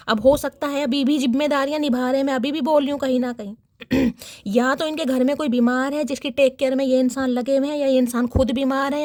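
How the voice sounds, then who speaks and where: A woman's voice: high-pitched, a little mellow, no echo. A young woman giving a casual tarot reading to her viewers, playful and teasing, laughing often. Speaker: tarot reader.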